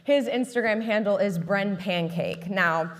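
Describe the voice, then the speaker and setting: A woman's voice: medium pitch, unhurried. A young woman giving an upbeat, chatty talk at an expo, with many fillers. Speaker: presenter. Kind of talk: conference talk. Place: large expo hall. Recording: long hall reverb.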